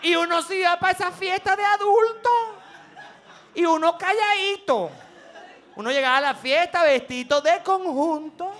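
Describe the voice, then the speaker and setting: A man with a Venezuelan accent doing a comic monologue as show host, animated and laughing, slipping into mock voices. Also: extremely high pitch, normal speed, a faint crowd. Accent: Venezuelan Spanish.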